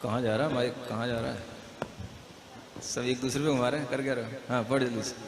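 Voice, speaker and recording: A man's voice: medium pitch, steady tone, a crowd in the background. A man, a Jain monk, giving a conversational devotional discourse and teaching a group how to pronounce verses, often checking in with the listeners. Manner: conversational, keeps asking "है ना?", models verse pronunciation slowly. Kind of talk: devotional discourse and recitation lesson. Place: large hall with a gathering. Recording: echoey hall with long reverb.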